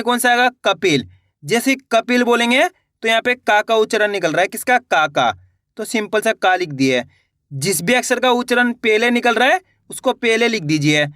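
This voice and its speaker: A man teaching a Hindi spelling lesson, repeating each word slowly and quizzing the viewers as he goes. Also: sits high, pushed and bright, no echo, clean studio sound.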